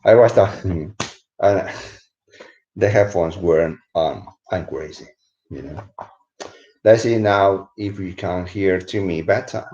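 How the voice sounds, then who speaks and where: A man with a Spanish accent talks slowly through a live-streamed English lesson, his voice low and mellow. He keeps checking in with his viewers as he goes. The sound is dull and lo-fi and echoes around the room. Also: a little hiss or hum. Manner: switches between English and Spanish, keeps asking "¿vale?". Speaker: English teacher. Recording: roomy, dull lo-fi stream audio.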